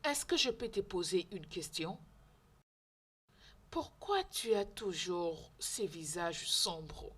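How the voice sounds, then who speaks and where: A woman's voice: on the low side, animated, slow, a bit bright, husky, full character voice. An actress playing a kind young woman teacher who talks earnestly and coaxingly in a dubbed film. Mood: concerned.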